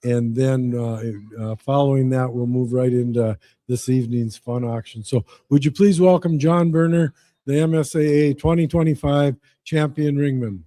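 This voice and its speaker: A man hosting an event, announcing off the cuff in a halting, folksy way with frequent pauses. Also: medium pitch, steady tone, dark tone, dry recording. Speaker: event host. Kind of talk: unscripted announcing to an audience.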